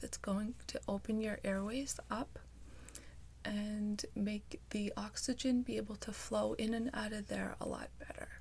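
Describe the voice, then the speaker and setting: A woman doing an ASMR role-play as a caring nurse, with a gentle, reassuring bedside manner. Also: medium pitch, creaky, slight background noise. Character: caring, attentive female nurse. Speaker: ASMR performer playing a nurse.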